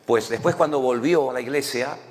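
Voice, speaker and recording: A man's voice: mid-range voice, brisk, darkish tone, in a large hall. A man preaching a sermon in Canarian Spanish, telling stories in a conversational way and often asking rhetorical questions. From Canary Islands. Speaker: pastor.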